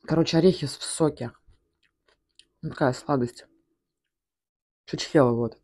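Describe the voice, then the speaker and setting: A woman vlogger chatting casually with her mouth full, talking between bites in a halting way. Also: low-pitched, a little mellow. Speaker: mukbang vlogger. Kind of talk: casual eating vlog chat.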